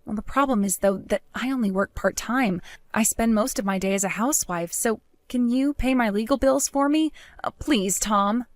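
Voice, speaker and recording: A woman's voice: on the high side, normal speed, dry recording, lightly acted. A woman voicing a scheming, unfaithful young wife who coaxes and pleads to get her way. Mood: pleading. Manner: pleading, coaxing.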